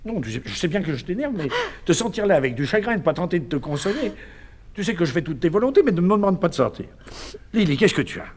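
A man's voice: sits high, sing-song, fast. A man playing a naive, doting man who fusses tenderly over a woman, in a 1950s stage comedy recording. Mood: worried, tender. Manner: tender, fussing and chattering. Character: doting, fussy, naive middle-aged man.

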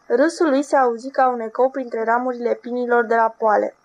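A woman with a somewhat high voice reads a literary novel as an audiobook. She keeps an even, measured narrating tone throughout.

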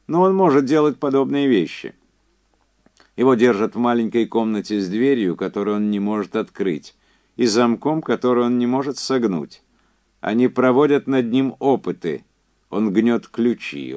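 A man's voice: medium pitch, a little mellow, voice pushed up, close to an everyday voice. A man doing a sardonic, insinuating caller. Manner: bitterly ironic, insinuating. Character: sardonic middle-aged man on a phone call. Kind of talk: audiobook character voice.

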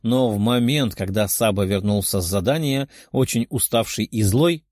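A man reading a novel aloud as narrator, with expressive storytelling. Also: on the low side, normal speed, dry recording, studio quality. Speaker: audiobook narrator. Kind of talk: scripted narration.

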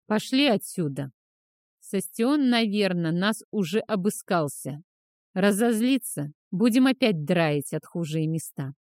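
A woman reading the part of a modest, polite teenage orphan boy apprentice in an audiobook, speaking quietly. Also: mid-range voice, expressive, unhurried, no room sound, clean studio sound, lightly acted.

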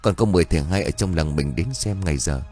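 A man voicing an adult son who talks to his mother in a steady, reassuring way. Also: low-pitched, quick pace, soft background music, lightly acted. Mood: soothing.

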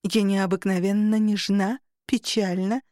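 A woman voicing a seductive, imperious sorceress, speaking in a slow, coaxing way. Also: medium pitch, flat delivery, dark tone, no room sound, clean studio sound, natural voice. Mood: languid. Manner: slow, coaxing delivery, sometimes whispered.

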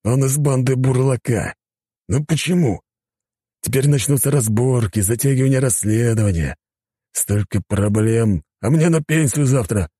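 A man's voice: medium pitch, moderate pace, warm tone, husky, no echo, clean studio sound, pitched above the performer's own voice, close to an everyday voice. A man voicing a weary, grumbling police inspector about to retire. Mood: exasperated. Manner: grumbling, exasperated.

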